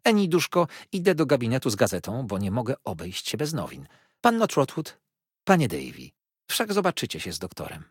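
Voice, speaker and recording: A man voicing a fussy, chattering old mother-in-law who gushes loudly and turns indignant. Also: wildly swooping pitch, a little fast, breathy edge, dry recording, clean studio sound. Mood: fussing. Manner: shrill, gushing and loud.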